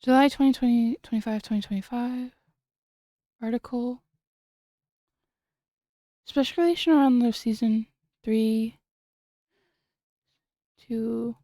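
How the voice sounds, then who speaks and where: Young woman, streamer, casual chatter, giggly, rambling, slightly high voice, dry close sound. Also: slow pace, long pauses, mellow, no room sound. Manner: chatty, giggly, trails off and restarts. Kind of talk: casual late-night stream chat.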